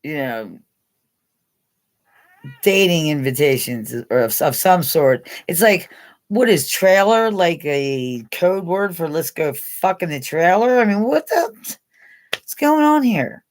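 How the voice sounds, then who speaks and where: A middle-aged American woman with a fairly low, slow voice and lively intonation hosts a casual livestream chat. She rambles, giggles and laughs often, and talks straight to her viewers by name.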